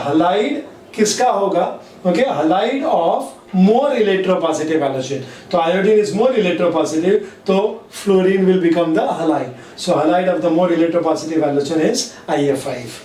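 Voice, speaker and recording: A man with an Indian accent teaching chemistry, dictating key points slowly and word by word and switching between Hindi and English mid-sentence. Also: high voice, darkish tone, slight background noise. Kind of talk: classroom lecture. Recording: echoey room, mic at a distance.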